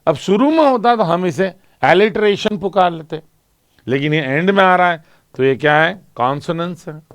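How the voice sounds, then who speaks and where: A man teaching an English exam class, asking questions and answering them himself and reading example lines slowly. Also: sits high, no echo. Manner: explains in Hindi with English terms, asks and answers own questions. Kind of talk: classroom lecture.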